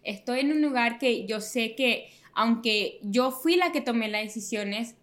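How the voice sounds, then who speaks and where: A young woman with a bright, clear voice that sits a little high speaks as a guest on a podcast. She reflects earnestly and tells her stories with enthusiasm. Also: a little slow. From United States. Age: young adult. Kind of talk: casual podcast chat.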